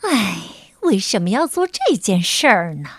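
A woman's voice: mid-range voice, very animated, measured pace, a bit bright, slightly rough, no echo, studio quality, pitched below the performer's own voice, heavily acted. A woman voicing a lazy, messy, cheerful female bear in a storybook reading, with an easygoing, drawling manner.

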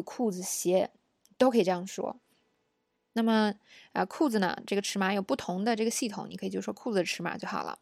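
A woman's voice: mid-range voice, a little mellow, dry recording, clean studio sound. A woman teaching phrases in a patient, chatty way, with many fillers and asides to the learner when she says the examples. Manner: patient, conversational, with many fillers and tag questions. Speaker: English teacher. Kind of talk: explaining English phrases for shopping.

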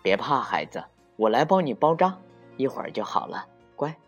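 A storyteller voicing an adult firefighter rabbit who gives firm orders and calms children. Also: mid-range voice, moderate pace, muffled recording, faint music behind. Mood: soothing.

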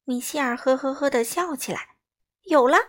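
A woman reading a story aloud for children in an expressive, sing-song way. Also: high-pitched, moderate pace.

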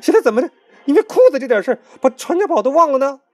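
Brief: performer playing a panicky young disciple in a comic kung-fu skit, high and squeaky, swooping all over, faint music behind. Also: racing. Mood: eager. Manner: excitable, stammering, whiny. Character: jittery young male disciple, easily scared.

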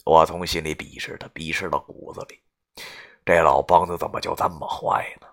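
A man narrating a novel in the first person in a gruff, coarse, swearing manner. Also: rumbling low, steady tone, normal speed, fairly bright tone. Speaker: audiobook narrator.

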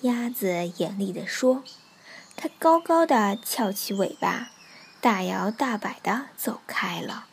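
A woman telling a children's bedtime story in a soft, whispery narrating voice. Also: mid-range voice, lively intonation, slow, gravelly, slight background noise.

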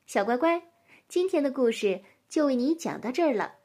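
Woman children's storyteller; breathy, highish, very animated reading. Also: normal speed. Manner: gentle, expressive storytelling.

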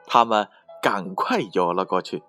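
A man reading a children's story aloud in a slow, expressive way, with faint music behind. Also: sits low. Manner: slow, expressive and sing-song. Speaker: narrator.

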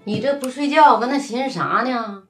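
An actress playing an impatient, sharp-tongued middle-aged village wife, retorting quickly. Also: female voice, on the high side, expressive, faint music behind. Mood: bickering.

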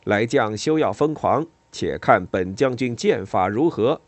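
A man voicing a bold shouting general. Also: mid-range voice, lively intonation, measured pace, no echo. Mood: commanding. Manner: loud, boastful battle shouts. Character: bold commanding male Tang general.

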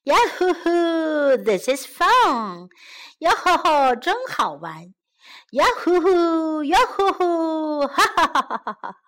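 A woman's voice: extremely high pitch, huge pitch swings, takes it slowly, bright, forceful tone, voice pushed up, full character voice. A woman voicing a carefree, selfish frog who whoops and plays in a children's storybook. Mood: gleeful. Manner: boisterous, whooping. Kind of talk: bilingual children's storybook reading.

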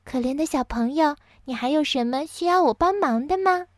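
A woman's voice: high-pitched, expressive, moderate pace, no echo, studio quality, voice pushed up. A woman voicing a kind but clumsy female fairy who speaks sweetly and apologetically. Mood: sweet coaxing.

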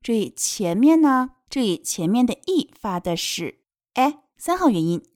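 A woman's voice: a little high, very animated, a little slow, darkish tone, dry recording, clean studio sound. A woman teaching a children's picture book, reading each line aloud and patiently explaining pronunciation step by step. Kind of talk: bilingual read-aloud lesson.

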